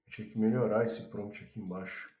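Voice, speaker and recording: A man with a Brazilian Portuguese accent, casually walking viewers through a software demo and thinking aloud as he clicks. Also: lowish voice, fairly even intonation, fast. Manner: chatty, addresses viewers as a group, thinks aloud. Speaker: tutorial presenter. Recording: roomy echo.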